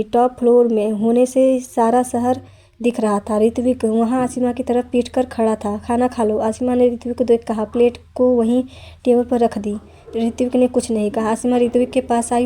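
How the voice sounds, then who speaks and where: A woman narrating a romance novel aloud in a steady, plain reading voice with small restarts. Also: fairly high pitch.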